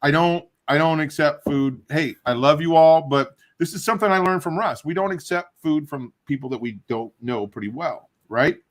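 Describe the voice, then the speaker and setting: Rambling middle-aged man with a runny nose. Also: a little high. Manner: rambling, halting, self-deprecating. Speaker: show host. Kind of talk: casual chat while tasting hot sauce.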